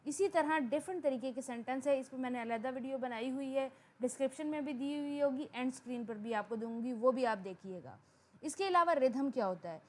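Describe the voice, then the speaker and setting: High-voiced woman teaching a lecture. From Pakistan. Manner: slows down for English definitions. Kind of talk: explanatory lecture.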